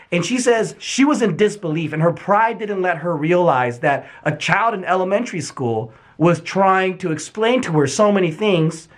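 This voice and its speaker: A young man telling stories from his childhood in a casual, candid monologue, swearing freely and acting out the people he quotes. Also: high voice. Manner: candid and profane, animated retelling.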